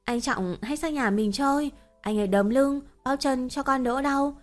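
Woman putting on a high naive teen girl voice, childlike, pleading. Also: normal speed, soft background music, natural voice. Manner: innocent, pleading questions. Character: naive childlike sixteen-year-old girl.

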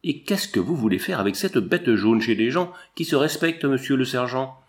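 A talkative, emotional old wife who pleads in warm, folksy speech, voiced by a man reading the story. Her voice sits in an ordinary, middle pitch range. She comes across as a storybook figure. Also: animated, normal speed, close to an everyday voice. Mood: pleading. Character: older Irish immigrant wife, emotional, talkative.

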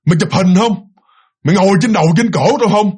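A man voicing a male ghost possessing someone, gruff, with repetitive taunting commands. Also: high voice, quick pace, darkish tone, pitched above the performer's own voice. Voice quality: rough, gruff voice.

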